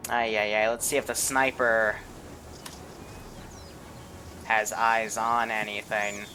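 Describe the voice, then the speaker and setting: A man's voice: on the low side, level tone, slow pace, sharp tone, soft background music. A man streaming live over a headset mic, casually talking through his game as he plays. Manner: casual, thinking aloud while playing. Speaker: streamer running the mission as game master. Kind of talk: live gameplay commentary.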